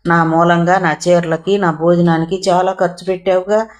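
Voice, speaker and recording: A woman's voice: fairly low pitch, little pitch movement, normal speed, lightly acted. A woman voicing a young runaway wife who pleads and quarrels through tears. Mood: upset. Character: young distressed runaway wife, sharp-tongued.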